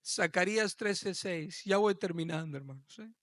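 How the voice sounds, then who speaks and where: Pastor guy preaching, bright tense voice, swells into shouts, dry close mic. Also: high-pitched, normal speed, no echo. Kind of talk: sermon.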